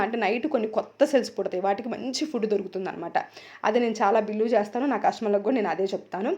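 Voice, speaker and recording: వేగంగా మాట్లాడే ఉత్సాహవంతమైన తెలుగు మహిళ. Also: female voice, medium pitch. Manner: loud, fast, energetic chatter. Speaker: wellness coach. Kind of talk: casual vlog talk.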